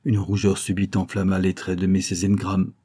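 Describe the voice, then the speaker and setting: A man narrating a literary story aloud in a measured, even manner. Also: deep voice, slightly rough. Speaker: audiobook narrator. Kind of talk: scripted narration.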